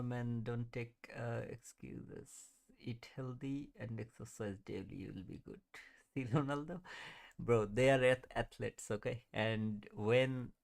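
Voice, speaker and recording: Gravelly and medium in pitch, this man's voice belongs to a trading livestream host in his thirties. He chats easily, responds to viewers with frequent laughter, and grumbles at the chart under his breath as he watches.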